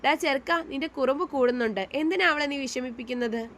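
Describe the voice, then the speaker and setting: Storybook reading: a kindly grandmother in her seventies, read by a woman, soothing and lecturing, slightly high. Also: fast, fairly bright tone, slight background noise. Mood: fond advising. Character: elderly grandmother, gentle and advising.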